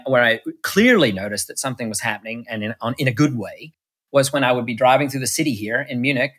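Husky-voiced man telling stories. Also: medium pitch, fairly bright tone. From United States. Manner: chatty, many restarts and fillers, acts out quoted dialogue. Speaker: interview guest, electric car executive. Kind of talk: casual storytelling interview. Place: Munich.

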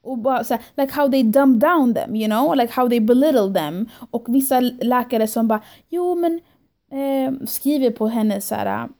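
A young woman tells a story as a podcast guest, her voice mellow and a touch high. She acts out what she and others said in the moment and slips English phrases into her talk. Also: gravelly, few pauses. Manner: animated storytelling, quoting herself and others. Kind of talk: casual podcast chat.

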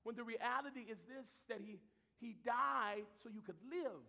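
A man with a very high, bright, ringing voice preaches a sermon to a church. He rises into shouted declarations and then drops into low, quiet asides. His voice carries a long reverb from the sanctuary around him. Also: moderate pace, gravelly.

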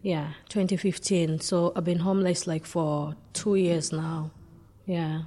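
A woman from Zambia being interviewed, speaking in a halting, hesitant way. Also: on the low side, steady tone. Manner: halting, hesitant, soft-spoken.

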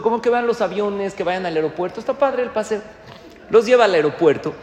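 A man with a Mexican accent, a rabbi giving an animated sermon full of stories and rhetorical questions. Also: high voice. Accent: Mexican Spanish. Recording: echoey hall with faint noise.

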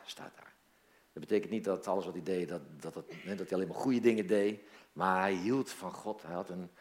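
A man preaching a sermon as pastor, telling a story and engaging listeners with questions, often repeating words as he goes. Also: fairly low pitch.

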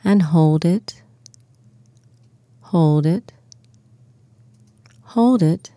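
A woman leading a guided muscle relaxation and visualization, speaking in slow, soothing, soft-spoken instructions. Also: on the low side, no room sound.

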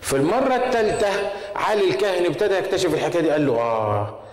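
A male pastor with an Egyptian Arabic accent preaches at a rapid clip and keeps throwing questions back to his congregation. His voice rings around a reverberant hall, with a long tail on every phrase. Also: sits high, animated. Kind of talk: sermon.

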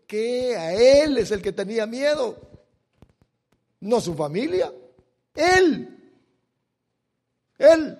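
High-voiced impassioned male preacher. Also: sing-song, takes it slowly, creaky, long pauses. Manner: impassioned, swings from loud pleading to quiet asides; repeats "mire" to address listeners. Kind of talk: sermon.

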